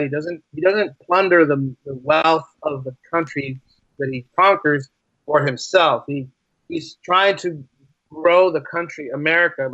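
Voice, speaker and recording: In a dry, lo-fi recording, a man with a fairly high voice talks through his ideas as a writer during a casual interview. He explains with animation, repeating phrases for emphasis and performing imagined quotes.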